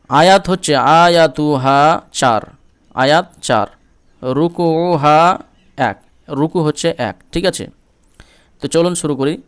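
A man from India teaching Quran reading, spelling each letter and vowel step by step and chanting the verses slowly between explanations. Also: on the high side, clear, resonant tone. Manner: slow drawn-out chanted recitation between explanations; asks "ঠিক আছে?" to check understanding. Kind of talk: Quran recitation lesson.

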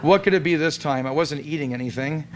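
A man giving a dramatic reading of a comic story at a gathering in a restaurant, in a deadpan, amused tone. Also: a little high, quick pace, noisy background. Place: restaurant event room.

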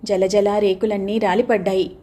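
A woman's voice: medium pitch, little pitch movement, moderate pace, dark tone. A woman narrating a novel aloud as an audiobook reader. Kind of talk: scripted narration.

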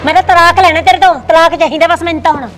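A woman playing a proud, angry young village wife with a Malwai Punjabi accent. Her voice is high and her words come fast, curt and scornful. She talks down to her husband and does not back off. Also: fairly even intonation, a bit bright, slight background noise. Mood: defiant. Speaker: wife in a village family drama. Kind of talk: amateur village drama acting.

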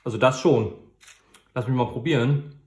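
In a reverberant indoor room, the host of a food review channel talks through a casual, unplanned tasting in a plain, matter-of-fact manner. His voice is medium in pitch, a little mellow, and moderately paced.

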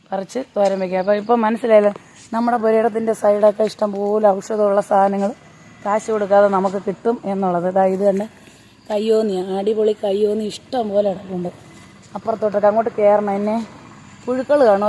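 Middle-aged woman, hoarse throat, warm dark voice, chatty cooking vlog, faint background noise. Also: mid-range voice, little pitch movement, fast talker. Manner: chatty, homely explaining while working. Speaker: home cooking vlogger. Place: home garden and old dim kitchen.

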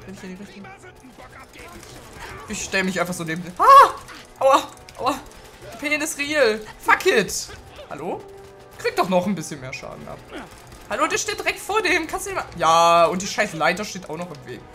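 A young woman giving casual let's play commentary, excitable, swearing and laughing a lot. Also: on the low side, normal speed, faint music behind. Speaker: gaming video host.

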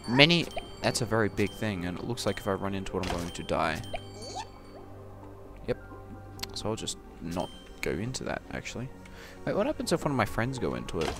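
A man's voice: lowish voice, very animated, fairly quick. Goofy man yelping at a game. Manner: goofy, talks to the game, sudden loud yelps. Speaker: gaming commentator. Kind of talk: casual gameplay commentary. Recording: game music behind the voice.

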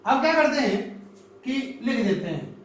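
A man from North India teaching a music lesson, explaining slowly and singing scale notes in between. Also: very high voice, sing-song, a little hiss or hum. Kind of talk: classroom lesson with sung notes. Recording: echoey room, mic far off.

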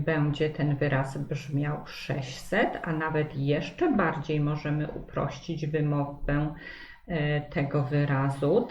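Female teacher, low voice, unhurried delivery that repeats its points; echoey room with faint hiss. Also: a little mellow. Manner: slow and explanatory, repeats key points, many fillers. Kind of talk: pronunciation lesson.

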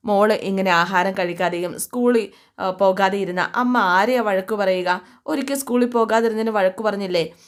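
Woman reading a gentle, sorry young husband in a retold story, near her own voice. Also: mid-range voice, normal speed, lightly acted. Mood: coaxing. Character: remorseful young husband, calm and reasoning.

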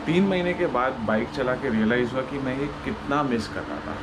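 A man's voice: medium pitch, expressive, a little fast, noisy background. A young Indian man chatting casually as a moto vlogger, switching between Hindi and English, recorded outdoors on an action camera. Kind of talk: casual vlog narration. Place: outdoors by a rural road. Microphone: action camera on helmet or selfie mount.

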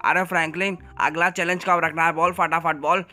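A man's voice: fairly high pitch, flat delivery, brisk, pushed and bright. A man voicing a boastful male cartoon cat who claims to be a soldier, bragging and dramatic in a fan-made game dub.

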